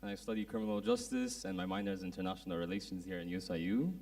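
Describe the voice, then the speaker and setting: A young man from Egypt lists his points one by one on a student panel. His voice is lowish and gravelly, and it reaches the mic from across the room. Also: wildly swooping pitch, rapid-fire, darkish tone. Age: young adult. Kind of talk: panel discussion. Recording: voice picked up from a distance.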